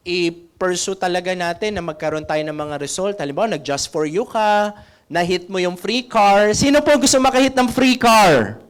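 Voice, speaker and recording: A man with a notably high voice leads a sales training seminar. He coaches in a conversational way and keeps turning to the audience with questions to pull them in. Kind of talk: seminar talk.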